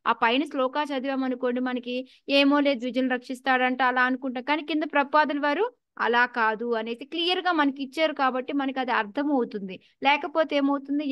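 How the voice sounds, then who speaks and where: Brief: Telugu-accented woman, fairly high voice, leads a scripture class, quizzes her students, dull dry lo-fi sound. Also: dry recording. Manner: asks the class questions, mixes in English words. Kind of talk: conversational scripture teaching.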